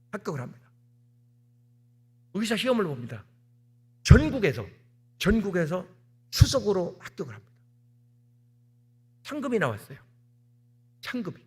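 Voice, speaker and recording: A man, the senior pastor, preaching an animated sermon in a church, repeating key words and acting out stories. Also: high voice, slightly rough. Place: church sanctuary.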